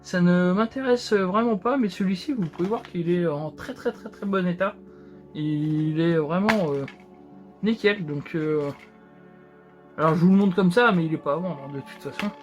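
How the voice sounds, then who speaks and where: A man's voice: high-pitched, normal speed, music in the background. A man hosting his own show, chatting casually with many hesitations and restarts while he builds a model. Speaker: host.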